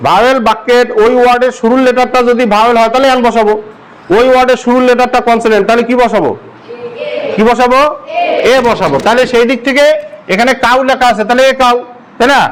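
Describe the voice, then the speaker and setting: High-pitched man teaching a class. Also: steady tone, fast talker, poor audio. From Bangladesh. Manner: drills the class with repeated questions. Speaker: English teacher. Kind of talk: classroom grammar lesson.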